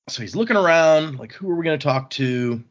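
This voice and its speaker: In a muffled recording, a man with a slightly high voice hosts a casual book podcast, recapping a novel's story conversationally. He loosely voices characters' lines and swears a bit.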